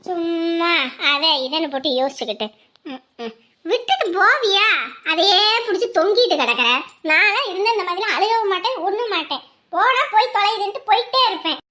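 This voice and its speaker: A woman plays a sharp-tongued young woman who lectures everyone around her. Her voice sits very high and sounds bright and forceful. She speaks bluntly, scolding without softening. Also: sing-song, brisk, heavily acted. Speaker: outspoken friend. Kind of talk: web series acting.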